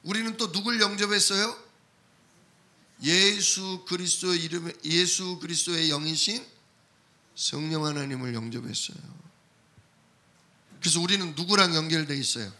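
A man's voice: on the high side, moderate pace, pauses often, pushed and bright. A man preaching a sermon, asking the congregation questions and answering them himself, and acting out complaints and replies. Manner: call-and-response questions to the congregation; acts out complaints and God's replies in quoted voices. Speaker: pastor.

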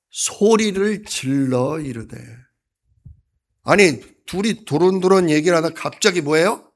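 Animated man preaching a sermon. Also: on the high side. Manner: dramatic, acts out quotes with sudden loud bursts. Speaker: pastor.

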